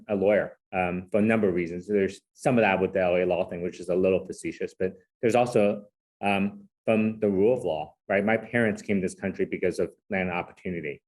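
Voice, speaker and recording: A man who grew up in Hong Kong and San Francisco, speaking as an interview guest in a relaxed, self-deprecating way and often tagging his points with "right?". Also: low voice. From Hong Kong, raised in San Francisco. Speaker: guest, corporate chief legal officer. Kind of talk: casual interview conversation.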